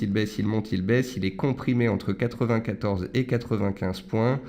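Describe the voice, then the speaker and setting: A man's voice: fairly low pitch, darkish tone. A man hosting a morning market briefing, explaining things step by step and speaking directly to his listeners as an analyst. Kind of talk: live financial market commentary with audience questions.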